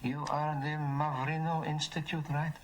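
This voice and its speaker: An actor playing a quick-tempered, bullying Soviet minister in a dubbed film, giving domineering orders. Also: male voice, a little high, little pitch movement, a little hiss or hum, lightly acted. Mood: stern.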